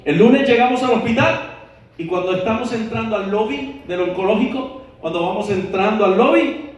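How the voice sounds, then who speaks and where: A man preaching a sermon, telling a personal story in a lively way and acting out the voices of the people in it. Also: high voice, normal speed. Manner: storytelling, acts out quoted voices. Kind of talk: sermon testimony. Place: church hall. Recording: echoey hall, mic far off.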